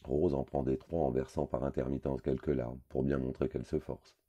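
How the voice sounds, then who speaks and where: A man's voice: very deep voice, steady tone, brisk, warm tone, husky, muffled recording. A man reading a novel aloud in first person, with wry, conversational storytelling. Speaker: audiobook reader.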